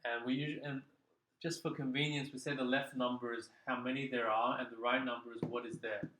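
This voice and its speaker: A man's voice: medium pitch, flat delivery, brisk, noisy background. A man tutoring a child in maths one-on-one, explaining patiently and checking in with frequent "okay?"s. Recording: echoey room.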